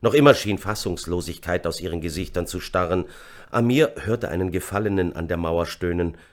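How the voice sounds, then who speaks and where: A man with a very deep, low voice reads an audiobook. His telling is measured and somber, steady through the narration. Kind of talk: scripted narration.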